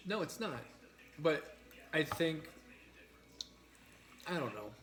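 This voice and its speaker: A man's voice: a little high, big pitch swings, takes it slowly, background noise. Frank, sweary man chatting on a livestream. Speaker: livestream host. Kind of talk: casual livestream chat over a meal.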